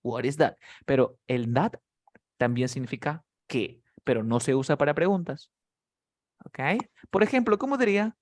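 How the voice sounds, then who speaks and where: A man's voice: medium pitch, animated, moderate pace, no echo, clean studio sound. A man teaching English to beginners in a live class, patiently drilling words and calling on students by name.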